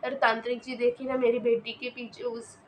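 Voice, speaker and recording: A woman's voice: on the high side, flat delivery, moderate pace, a little hiss or hum, natural voice, low-quality recording. A woman voicing a worried, caring middle-aged mother who asks anxious questions.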